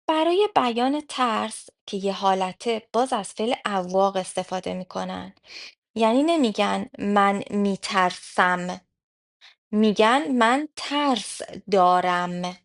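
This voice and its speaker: Patient woman language teacher, mid-range voice, spells out each example slowly. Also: mid-range voice. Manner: slow, careful repetition of example phrases. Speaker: French teacher. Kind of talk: explanatory language lesson.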